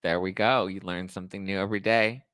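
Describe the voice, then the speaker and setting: A man's voice: sits low, steady tone, fast, a bit bright, smooth, no room sound, clean studio sound. A man hosting a pop culture podcast in an upbeat, teasing, gossipy chat. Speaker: podcast host. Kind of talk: casual chat.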